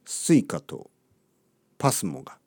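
A man's voice: measured pace, darkish tone, dry recording. A middle-aged man talking casually in a playful, amused monologue. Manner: chatty, playful, amused asides.

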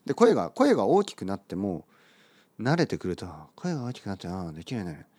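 A man's voice: on the low side, wildly swooping pitch, quick pace, a little mellow, no echo. A man teaching a casual spoken lesson for language learners, friendly and encouraging, sometimes dropping into mumbled demonstrations.

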